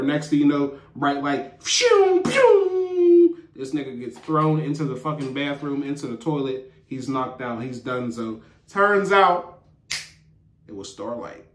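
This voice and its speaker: A man's voice: medium pitch, a bit bright. A man giving a casual, rambling, slang-filled recap of a TV episode as a show reviewer. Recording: roomy echo.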